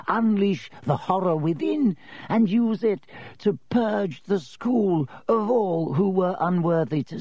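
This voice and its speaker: A dry, reedy old ghost professor lectures slowly and testily, as a male narrator puts him on. The voice sits high and thin, with a dark, mellow tone and strongly rising and falling emphasis. Each word is clipped and drawn out with weary disdain. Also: dry recording, lo-fi sound, exaggerated voice. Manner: slow, clipped, dismissive lecturing.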